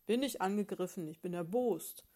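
A woman reading aloud, voicing a grumpy, indignant male bear father in a children's story, complaining loudly. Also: mid-range voice, expressive, moderate pace, close to an everyday voice.

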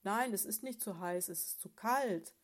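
A woman reading aloud, voicing a grumpy, indignant male bear father in a children's story, complaining loudly. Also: medium pitch, animated, normal speed, lightly acted.

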